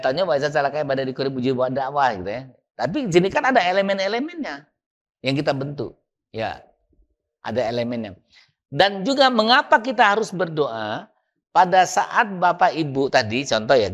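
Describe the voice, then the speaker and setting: A man's voice: on the high side, a bit bright. A man preaching at a mosque study session, quizzing his listeners and spelling words out letter by letter.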